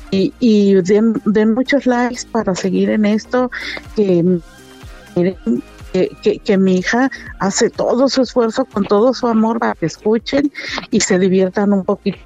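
A woman's voice: mid-range voice, darkish tone, dull audio. An older woman joining her daughter's podcast, giving short agreeing replies and laughing along in casual chat. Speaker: co-host, host's mother.

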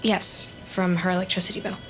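In a scripted audio drama with dialogue and inner monologue, an actress plays a lonely, nosy, awkward data analyst, sounding awkward and evasive. She mutters to herself in a halting, wry way. Her fairly low voice shows little pitch movement and a fairly bright tone, close to an everyday voice, over soft background music.

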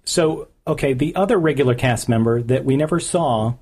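A man's voice: medium pitch, moderate pace, darkish tone, slightly rough. A man hosting an interview, asking long lead-in questions with eager interest. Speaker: interviewer, podcast host. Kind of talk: conversational interview.

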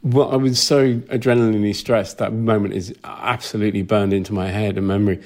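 Rather low-pitched and a little mellow, this man's voice is flat and slightly fast. He's a sound designer chatting casually as an interview guest, rambling through stories and acting out reactions.

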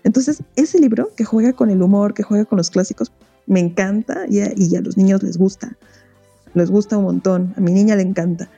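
A woman's voice: medium pitch, fairly quick, vocal fry, husky, dry recording, lo-fi sound, soft background music. A Mexican woman, a guest on a podcast, chatting casually about children's books and animatedly retelling their stories. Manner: animated storytelling, acting out book characters. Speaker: guest expert on children's reading. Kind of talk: casual interview chat.

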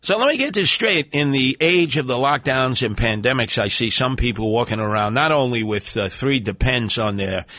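A man's voice: medium pitch, normal speed, few pauses, pushed and bright. A man with a New York accent hosting talk radio in a rambling comic monologue, theatrical, bombastic and streetwise, with colourful coined words.

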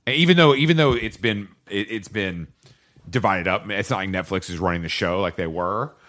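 A man co-hosting a podcast in casual chat, blunt, opinionated and quick to swear. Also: sits low, a bit bright. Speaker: podcast co-host.

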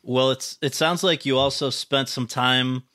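Podcast host guy, bright tense voice, dry close sound, reads his intro then asks stuff. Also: mid-range voice, steady tone, a little slow, no echo. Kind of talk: scripted intro then interviewing.

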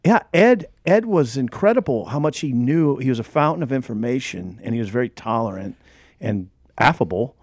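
A man's voice: mid-range voice, expressive, normal speed, a little mellow, no room sound. A man co-hosting a sports podcast, speaking casually and with dry wit. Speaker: podcast co-host.

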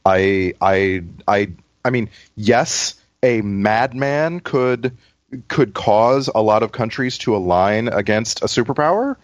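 A man's voice: lowish voice, slow pace, no room sound, dull audio. A man co-hosting a casual panel chat, stammering and restarting his sentences often. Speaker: podcast co-host.

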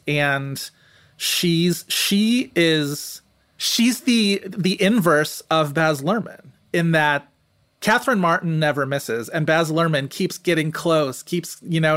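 A man's voice: a little high, a bit bright, no echo. A man talking casually and analytically as a podcast panelist, discursive and often interrupting himself. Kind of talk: casual analytical film-awards chat.

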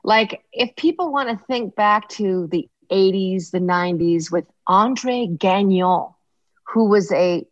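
A woman hosts a podcast interview, chatting casually with her guest and rambling off into stories. Her voice is mid-range and slow-paced, and she comes across as warm-hearted and talkative. The recording is dry and dull.

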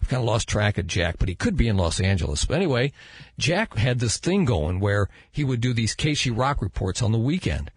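An older American man hosting a podcast, telling stories in a casual, rambling, halting way at a close microphone. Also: fairly low pitch, big pitch swings, husky, no echo. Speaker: podcast host. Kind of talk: casual chat. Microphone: close studio microphone.

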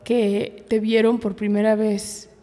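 Woman interviewer, gentle probing questions, monotone, reverberant hall. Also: medium pitch, takes it slowly.

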